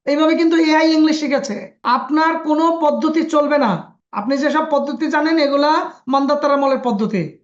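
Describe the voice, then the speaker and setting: A woman with a Bangladeshi Bengali accent teaching a phonics class over a video call. She drills sounds slowly and coaxes the class with a self-assured tone. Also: sits high. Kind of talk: online pronunciation class. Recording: echoey, dull lo-fi webinar audio.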